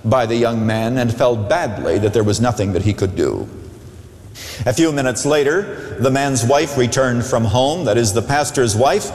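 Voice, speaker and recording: A man pastor preaching a sermon at a pulpit microphone, telling a story with an expressive, storytelling delivery. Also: medium pitch, moderate pace. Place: large church sanctuary. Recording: echoey church hall with long reverb.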